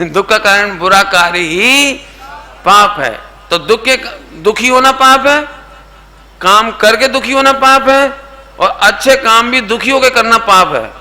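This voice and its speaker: Bright high-voiced man preaching. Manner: asks the audience questions and coaxes answers; mixes English words into his talk. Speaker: Jain preacher. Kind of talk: sermon to a youth camp.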